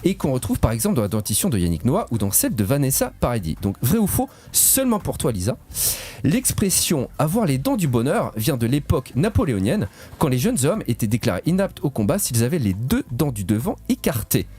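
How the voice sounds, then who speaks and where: A man with a slightly husky voice, hosting a radio quiz in a studio in a joking, playful way. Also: medium pitch, a little fast. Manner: lively, joking, stretches key words. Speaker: quiz host.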